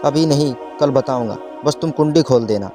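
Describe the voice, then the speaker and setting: A man's voice: medium pitch, normal speed, music in the background, natural voice. A man reading a scheming, threatening young man. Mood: menacing insistence. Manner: threatening, insistent. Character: scheming young man who frightens a girl.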